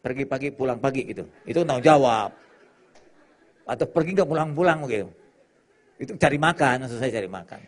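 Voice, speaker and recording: Animated joking pastor. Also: male voice, mid-range voice, fairly quick, pauses often. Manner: joking, teasing the congregation; acts out quarreling spouses in put-on voices. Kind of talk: sermon.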